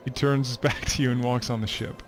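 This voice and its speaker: Man, game master, tabletop narration, clear music behind. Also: medium pitch, fairly even intonation, a little fast.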